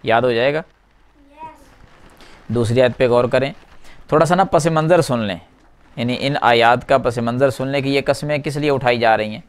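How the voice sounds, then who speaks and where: A man leads a classroom lesson at a whiteboard, his voice smooth and clear at a middle pitch. He explains each word step by step, repeating key terms and putting questions to his students before answering them himself. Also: pauses often. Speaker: Quran teacher.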